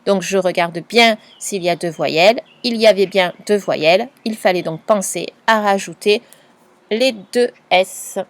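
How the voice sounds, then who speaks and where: Patient woman teacher dictating. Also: medium pitch. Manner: patient, slow and clear, spelling out letters. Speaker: primary school teacher. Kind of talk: dictation lesson for a young pupil.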